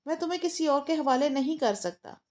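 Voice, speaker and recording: A woman's voice: sits high, animated, fairly quick, darkish tone. A woman voicing a young man, an earnest new husband who pleads with and coaxes his bride. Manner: earnest, coaxing.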